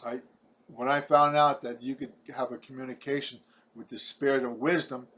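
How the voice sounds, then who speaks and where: A man with a mid-range, level and fairly bright voice talks to camera. In his seventies and from Brooklyn, he has a New York accent and delivers a rambling personal testimony that's halting, chatty and preachy, full of repeated words.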